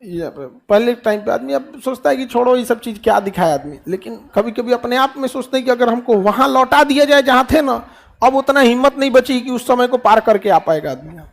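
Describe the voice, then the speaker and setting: This middle-aged teacher has a very high, creaky, expressive voice and speaks fairly quickly. Addressing students with a motivational classroom talk, he leans on rhetorical questions and mimics dialogue playfully.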